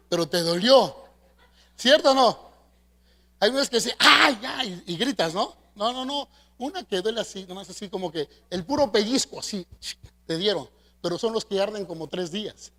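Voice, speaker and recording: A middle-aged man with a Mexican Spanish accent preaching a sermon as pastor, leading the congregation in call-and-response and swinging between loud emphasis and soft asides. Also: sits high. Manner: preaching with call-and-response, asking the congregation to repeat after him.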